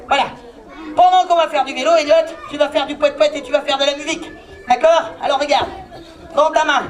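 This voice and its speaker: A woman performing as a clown for children, playfully bossing her volunteer helpers and breaking into comic yelps and shouts. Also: sits high. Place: large indoor hall with a live audience. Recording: live hall recording with loud audience noise.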